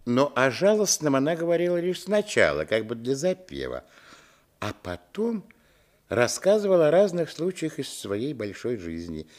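In this dramatised literary narration for a radio play, an actor voices a grown man looking back on his boyhood in a village. His natural, medium-pitched voice swings widely in pitch as he tells the story reflectively at a moderate pace.

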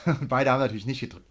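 Blunt martial arts coach, man, mid-pitch voice, lively storyteller who swears a lot. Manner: animated, acts out both sides of a story, swears freely; gets loud when worked up. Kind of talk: casual storytelling in a podcast interview.

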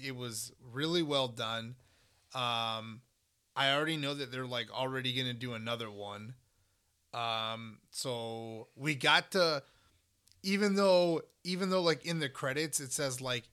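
A man's voice: medium pitch, unhurried, sharp tone, clean tone. A young man co-hosting a podcast, rambling casually with lots of fillers and swearing when worked up. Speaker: podcast co-host. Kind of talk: casual chat.

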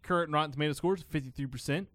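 A man in his twenties hosting a casual film podcast, excitable and full of swearing and filler words. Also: fairly high pitch, rapid-fire, no room sound, clean studio sound. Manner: excitable, swears a lot, lots of "like". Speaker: podcast host. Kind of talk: casual chat.

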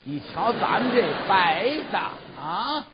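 A storyteller voicing a sharp-tongued teenage boy who keeps birds and mocks the older keepers; a dull, hissy recording. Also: high voice, huge pitch swings, measured pace, voice pushed up, full character voice. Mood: mocking. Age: late teens. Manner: mocking, boastful.

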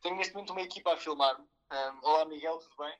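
A man's voice: on the high side, quick pace, crowd noise, poor audio. A man with a European Portuguese accent chatting casually as a podcast guest, rambling in hesitant, mock-serious explanations. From a village near Leiria, Portugal. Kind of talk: casual chat.

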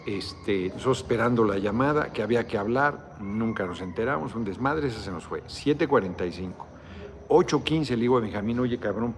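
A man's voice: medium pitch, a little hiss or hum. A tired middle-aged man with a Mexican accent, chatting casually on a livestream, rambling, cursing and reading out viewer comments. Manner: rambling, salty slang, reads viewer comments aloud. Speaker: politician hosting a live video chat.

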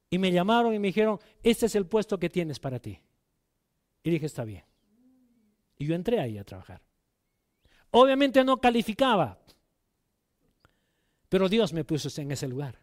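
High-voiced pastor preaching with emotion. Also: male voice. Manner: emotional storytelling, swings between loud exhortation and quiet low asides; addresses the congregation with direct questions. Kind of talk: sermon with personal testimony.

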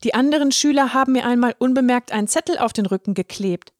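A woman's voice: a little high, fast, dry recording, clean studio sound, natural voice. A woman voicing a shy, earnest young boy who is a drinking straw, in a raised storybook voice. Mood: timid. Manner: timid, earnest. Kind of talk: storybook reading.

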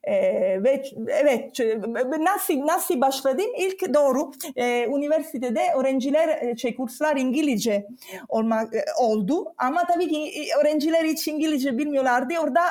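High-pitched foreign woman, halting broken Turkish. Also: a little mellow. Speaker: interview guest. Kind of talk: casual conversational interview.

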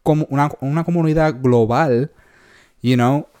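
Laid-back Puerto Rican man, smooth voice. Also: mid-range voice, moderate pace, warm tone. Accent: Puerto Rican Spanish. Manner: laid-back and slangy, mixing in English phrases. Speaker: podcast co-host. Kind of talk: casual podcast chat.

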